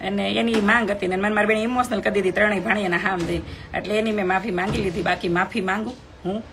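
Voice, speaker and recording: An outspoken young woman talks to her live viewers from her phone at home. Her pitch sits in a middle range. A faint hum of background noise runs underneath. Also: fairly even intonation, fast, fairly bright tone. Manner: outspoken, emphatic, reads out comments. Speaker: live video host. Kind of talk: live stream talk to viewers.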